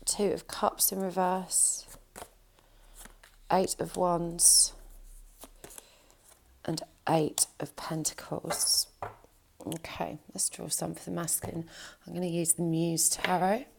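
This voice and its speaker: A woman with a croaky, gravelly voice, still recovering from an illness, chatting warmly while she draws tarot cards. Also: lowish voice, flat delivery, slow pace, long pauses, a little hiss or hum. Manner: chatty, reassuring, thinks aloud while drawing cards. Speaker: tarot reader. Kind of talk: casual tarot reading.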